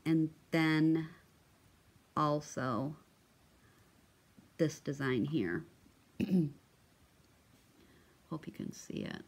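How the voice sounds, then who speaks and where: A woman's voice: sits low, lively intonation, extremely slow, long pauses. A woman showing off craft supplies in a casual vlog, chatty and gushing, with many ums and restarts. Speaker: crafting vlogger. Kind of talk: casual show-and-tell vlog.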